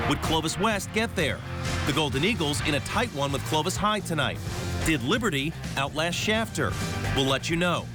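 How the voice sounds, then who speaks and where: An American man hosting a sports highlights show with a scripted presenting style.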